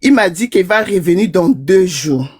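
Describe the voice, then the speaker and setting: A woman's voice: lowish voice, lively intonation, normal speed, a little mellow, slightly rough. A woman, calling in to a live stream and telling her story in a chatty way, laughing often. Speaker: caller. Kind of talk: call-in confession on a live stream.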